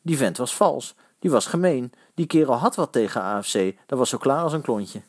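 A man reading a children's story aloud in a lively, expressive way. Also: mid-range voice, moderate pace, dry recording, clean studio sound. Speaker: narrator.

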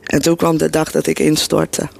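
A middle-aged woman shares her life story with an audience in an earnest, emotional, blunt manner. She speaks in a low, monotone, creaky voice with a darkish tone at a moderate pace.

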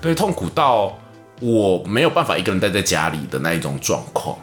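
A man with a Taiwanese Mandarin accent, co-hosting a casual podcast chat and telling animated stories. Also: brisk. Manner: animated storytelling, acts out quotes in a high voice. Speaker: podcast co-host. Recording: echoey room with faint music.

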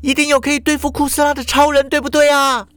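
A man voicing a fiery, bossy young woman who shouts and scolds in a shrill voice. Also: level tone, fast talker. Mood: demanding.

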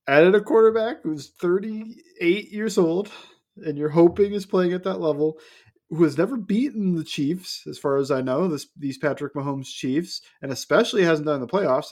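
A man co-hosting a sports podcast, talking casually and opinionatedly, firing off rhetorical questions. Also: a little high. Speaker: podcast co-host.

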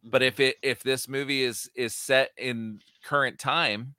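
A man's voice: medium pitch, fairly even intonation, measured pace, sharp tone, dry recording, clean studio sound. A man hosting a podcast, chatting casually and bluntly with cohosts, swearing freely and getting heated as he rants about a movie. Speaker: podcast host. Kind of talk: casual chat, movie review.

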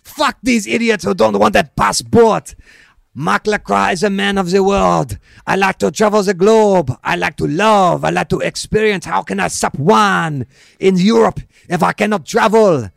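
A man's voice: high voice, normal speed, vocal fry, no echo, studio quality, pitched above the performer's own voice. A man voicing a pompous, crude, worldly ex-footballer with a grandiose manner. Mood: bombastic. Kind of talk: comic character phone bit.

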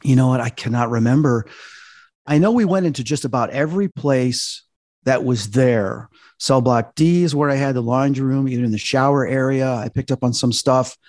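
A paranormal investigator appears as a guest on a casual podcast, telling earnest stories and walking through paranormal theories at length. His mid-range voice has a darkish tone at normal speed, captured in a dry, clean studio recording.

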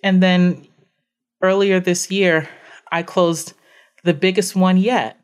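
Woman, podcast guest, animated storytelling, emphatic repetition, lower pitch. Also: takes it slowly, smooth. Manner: emphatic, repeats phrases for effect, acts out her own reactions. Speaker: podcast guest, business owner.

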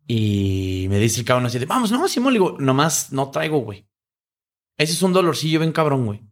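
A man's voice: medium pitch, expressive, fairly quick. A middle-aged man with a Mexican accent, a guest in an interview, telling stories in casual, profane slang and acting out the people in them. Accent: Mexican Spanish. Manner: profane slangy storyteller, acts out voices.

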